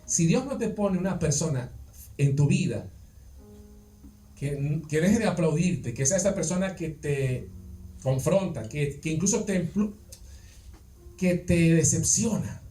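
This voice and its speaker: A man's voice: on the high side, expressive, measured pace, pauses often, mellow. A man preaching a sermon in a conversational way, asking his listeners rhetorical questions. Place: church. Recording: echoey church, distant mic, faint music.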